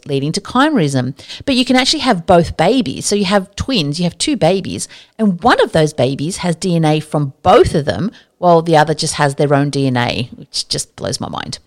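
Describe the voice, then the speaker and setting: Woman podcaster chatting about science, fairly low voice, excited and rambly. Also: brisk. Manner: chatty, enthusiastic, drifts into asides. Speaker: podcast host. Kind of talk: casual science explainer monologue.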